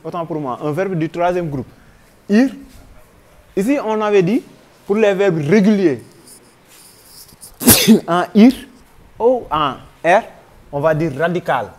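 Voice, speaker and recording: A man's voice: sits high, expressive, takes it slowly, pauses often, a little mellow. A man with a Senegalese French accent teaching a grammar lesson, patiently spelling out verb forms one by one.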